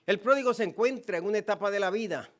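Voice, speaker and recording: A man's voice: high voice, fast, a bit bright. A man with a Puerto Rican Spanish accent, a pastor preaching a sermon, emphatic, with repeated phrases and quoted scripture. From Puerto Rico.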